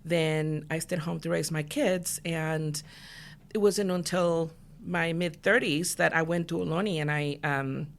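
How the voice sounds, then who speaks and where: A woman's voice: sits low, steady tone, unhurried, vocal fry. Middle-aged woman from Guatemala, podcast guest, earnest and rambling. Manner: earnest, storytelling, frequent fillers and restarts. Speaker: guest, business owner. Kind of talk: casual interview chat.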